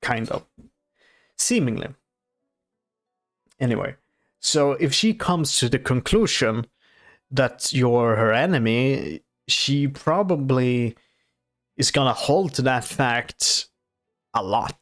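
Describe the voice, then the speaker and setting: A man reacts to a show in off-camera commentary. His voice is gravelly and his pace slow. He restarts sentences often and speaks softly. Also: mid-range voice, animated, faint music behind. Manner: halting, many fillers and restarts, soft-spoken. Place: off-camera voice-over.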